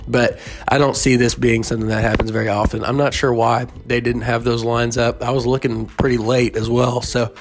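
A man's voice: mid-range voice, little pitch movement, a little fast. Tired, rambling male podcast host. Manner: laid-back, rambling with fillers and restarts. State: tired, yawning. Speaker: sports betting podcast host. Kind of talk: casual solo podcast.

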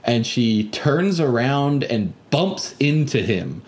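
A man's voice: mid-range voice, takes it slowly. A man in casual podcast chat, animatedly retelling a video game scene and acting out characters' lines. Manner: animated, acts out characters in yelling voices.

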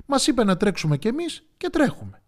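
A man voicing a herd of flustered oxen in a children's story, calling out excitedly. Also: extremely high pitch, pitched above the performer's own voice, exaggerated voice.

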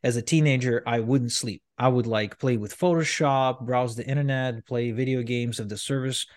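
An entrepreneur from Ukraine, whose first language is Russian, appears as a podcast guest, speaking at an ordinary male pitch in a steady tone and at a moderate pace. He rambles through his story with frequent restarts and "um"s, and the recording is dry and close-miked with no room sound.

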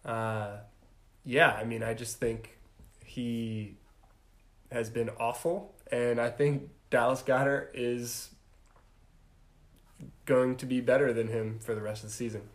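A man's voice: medium pitch, fairly even intonation, takes it slowly, pauses often. A man on a casual podcast panel, starting his thoughts with hesitant "uh"s. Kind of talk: casual chat about fantasy football.

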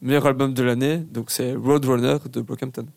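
A young man in casual podcast chat, enthusiastic about music and repeating words as he gets excited. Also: medium pitch, brisk, vocal fry. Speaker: podcast co-host.

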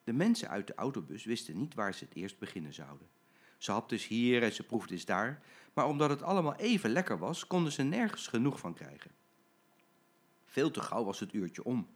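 Expressive older man reading a storybook. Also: mid-range voice, fairly quick, husky. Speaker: grandfather reading aloud. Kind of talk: reading a children's story aloud.

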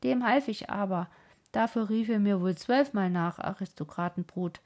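A woman's voice: mid-range voice, normal speed, close to an everyday voice. A woman reading aloud, voicing a grown man eagerly recalling childhood stories in an old storybook. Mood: reminiscing. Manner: excited, reminiscing.

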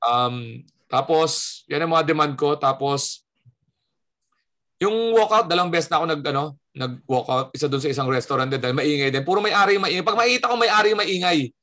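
A man's voice: fairly high pitch, normal speed. A man from the Philippines, a stand-up comedian telling stories in casual chat and acting out the quotes in them. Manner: animated storyteller acting out quotes.

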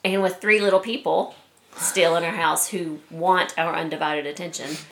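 A woman's voice: fairly low pitch, normal speed, rough recording. A woman who works as a school administrator, joining a casual chat and telling earnest stories about home life. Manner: earnest storytelling, animated when recounting. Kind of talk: casual chat among friends.

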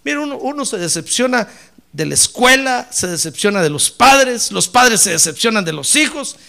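A man preaching a lively sermon as a pastor, acting out church members in comic voices. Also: extremely high pitch, moderate pace, vocal fry.

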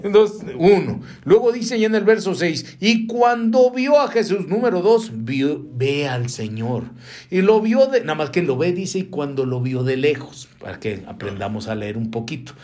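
A man preaching a sermon, animated, leaping up in pitch and dropping to hushed asides, calling the listeners brother. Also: moderate pace.

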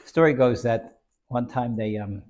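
A man with gives an informal religious lesson with stories, haltingly repeating words as he goes. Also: medium pitch, a little mellow. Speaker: religious teacher.

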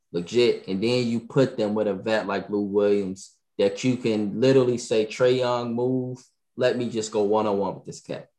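Sports podcast host: man, low voice, lively and repetitive in casual chat. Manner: animated, repeats himself often.

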